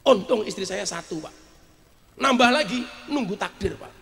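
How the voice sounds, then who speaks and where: A male preacher delivering a sermon, swinging from hushed grief to loud shouting. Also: sits high, animated, normal speed, creaky, in a large hall. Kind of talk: sermon at a memorial gathering. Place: outdoor gathering at a graveyard courtyard.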